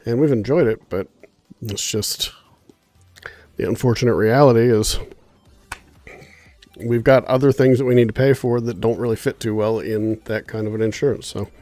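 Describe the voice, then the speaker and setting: Speaking at a normal pace with frequent pauses, this streamer has a steady, mellow, mid-range voice, recorded without echo over faint music. He sounds nasal and congested, chatting in a laid-back, wandering way and thinking aloud with fillers.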